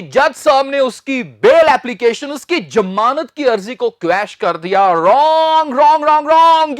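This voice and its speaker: A man teaching English pronunciation, who drills each word over and over in a slow, deliberate voice. The sound is dry and close. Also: very high-pitched, fairly bright tone, no echo. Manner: slow and emphatic, repeating words for drill. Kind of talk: spoken English lesson.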